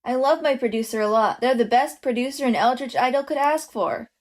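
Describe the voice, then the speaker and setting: A woman's voice: sits high, a little fast, lightly acted. A woman voicing a smug, grandiose female idol who is secretly an eldritch god. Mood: haughty.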